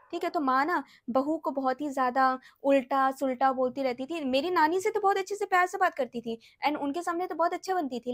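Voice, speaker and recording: High-voiced chatty young woman storyteller. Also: dry recording, studio quality. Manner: chatty, drops to a hushed murmur when acting out quotes. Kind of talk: casual storytime vlog.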